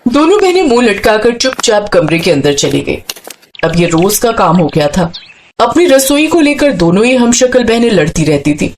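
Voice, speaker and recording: A woman narrating a scripted moral story in an even, dramatic storytelling manner. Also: mid-range voice, moderate pace, a little hiss or hum.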